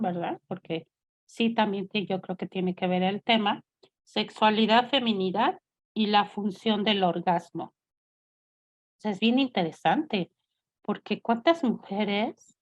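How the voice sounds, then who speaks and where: Slow, rambling Mexican woman host. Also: mid-range voice. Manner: rambling, with many fillers and asides. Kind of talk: casual chatty monologue.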